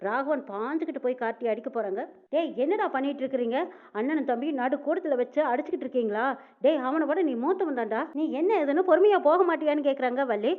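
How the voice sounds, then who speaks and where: A high-voiced woman rattles through a recap of a TV serial episode, voicing every character and tagging lines with phrases like "she says." Her fast storytelling comes through with a tinny, phone-like sound.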